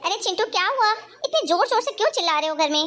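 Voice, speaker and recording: A woman's voice: very high voice, animated, fast, a bit bright. Woman voicing an indignant young cartoon wife. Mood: patient. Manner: earnest, indignant, pleading her case. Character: hard-working young wife defending herself. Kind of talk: cartoon story voice acting.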